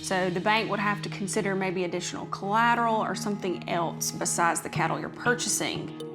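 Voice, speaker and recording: Woman, Southern accent, banker explaining paperwork, medium pitch, light music behind. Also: a little fast. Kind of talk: explaining procedure to clients.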